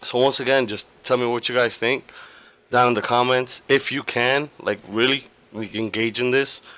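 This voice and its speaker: Hoarse and having partly lost his voice, this man hosts a gaming channel and shares his views in a casual, rambling way, frequently starting over and cursing occasionally. The dry recording captures a low-leaning, slightly bright voice.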